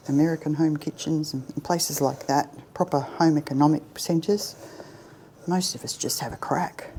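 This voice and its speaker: A low-pitched middle-aged woman gives a casual baking demonstration at home, chatting self-deprecatingly and often softening to a near-whisper. There's slight background noise.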